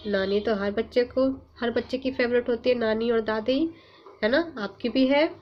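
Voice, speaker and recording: A woman teacher leading an online class for young pupils, drawing out letters and words slowly and asking coaxing questions. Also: a little high. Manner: slow, drawn-out sounding of letters and words; patient, coaxing questions to children. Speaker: Urdu teacher. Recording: muffled lo-fi sound, faint hum.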